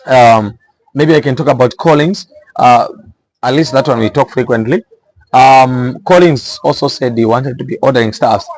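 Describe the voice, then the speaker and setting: Speaking informally to his viewers, a Zambian man with a Zambian accent and a mid-pitched, somewhat dark voice explains practical small-business advice, often repeating a phrase to drive the point home. He talks at a normal speed, and the audio quality is poor.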